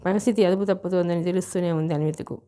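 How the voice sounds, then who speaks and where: Audiobook narrator: woman, low and mellow, steady measured reading. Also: clear, resonant tone. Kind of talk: novel narration.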